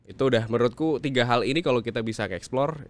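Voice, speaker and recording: A man talking as the guest in a casual interview on public speaking, animated and swinging his pitch widely for emphasis. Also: quick pace.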